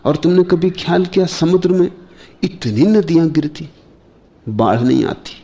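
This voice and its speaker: Guy giving a spiritual talk, slow and measured, lots of pauses, gravelly low mellow voice. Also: expressive, lo-fi sound. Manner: rhetorical questions to listeners. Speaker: spiritual teacher. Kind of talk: spiritual discourse.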